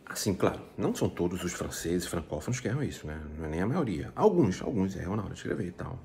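Deep-voiced Brazilian man teaching casually. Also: very animated, fast, creaky, darkish tone, slight background noise. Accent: Brazilian Portuguese. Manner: chatty, explains step by step, frequent tag questions. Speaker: French teacher. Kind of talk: casual video lesson.

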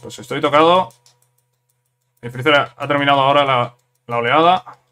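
A man commentates his own gameplay in a casual let's-play style, his voice bright and pitched in the middle range. He talks in excitable bursts, repeating words and tacking on quick tag questions. Keyboard clicks can be heard behind him. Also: smooth.

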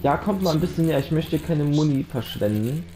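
A man's voice: on the high side, animated, a little fast, slight background noise. A German man commenting on a horror game he is playing, talking to the characters and his viewers, easily startled and yelping into a close microphone. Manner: jumpy, yelps and shouts when startled. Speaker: let's play commentator. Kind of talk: casual gameplay commentary. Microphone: close desk microphone.

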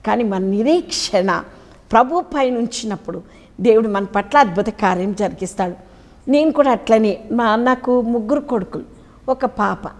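A middle-aged woman bishop giving a sermon with a personal testimony, emotional and pleading, rising into high urgent cries and dropping to low quiet lines. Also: moderate pace. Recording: long hall reverb.

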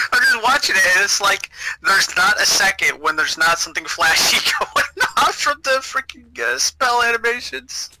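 A man's voice: high voice, expressive, moderate pace, pushed and bright, poor audio. A man chatting casually with friends about a game, laughing and stumbling over his words. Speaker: gaming friend. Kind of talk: casual gaming chat.

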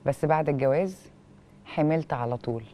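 Reading a letter on her television show, a woman with an Egyptian accent comments expressively and questioningly into a lapel mic in the studio. She speaks briskly in a deep voice.

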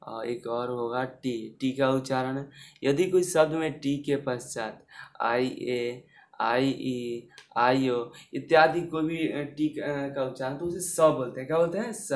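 A man with an Indian accent teaching a recorded class, speaking slowly and repeating points, often asking listeners questions and then answering them himself. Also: medium pitch, steady tone. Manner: slow, repetitive, quizzes listeners with questions.

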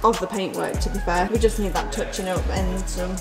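A woman's voice: on the low side, fairly even intonation, brisk, music in the background. A woman in her twenties vlogging casually to a handheld camera in a garage workshop, chatty and upbeat. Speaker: car vlogger. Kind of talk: casual vlog narration. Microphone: handheld camera at arm's length.

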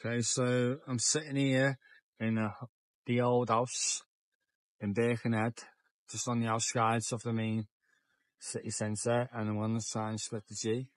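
Holding his phone as he walks through town at dusk, a young male vlogger gives casual, rambling commentary, slightly tipsy and repeating himself. His mid-range voice is flat and unhurried, and there's no room sound.

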